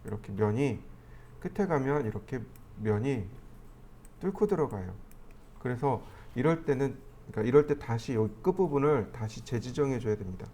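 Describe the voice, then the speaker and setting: A man teaching a 3D modeling class, explaining each step as he clicks through the software. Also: medium pitch, animated, normal speed. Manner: step-by-step explaining, thinking aloud while clicking. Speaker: 3D modeling instructor. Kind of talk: screen-recorded software tutorial.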